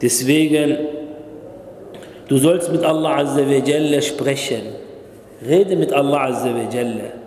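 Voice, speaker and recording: A man's voice: medium pitch, measured pace, long pauses, darkish tone. A man preaching a sermon, urging listeners directly and repeating himself for emphasis. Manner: emphatic, repetitive exhortation addressing listeners directly. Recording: echoey hall with long reverb.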